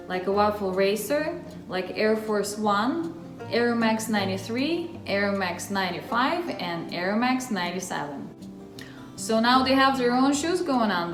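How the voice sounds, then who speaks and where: A woman from Russia with a Russian accent, hosting her own channel and explaining a topic in a chatty, friendly way straight to the viewer. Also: on the high side. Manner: chatty, friendly direct address. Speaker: channel host. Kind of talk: casual explainer vlog. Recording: roomy echo with faint music.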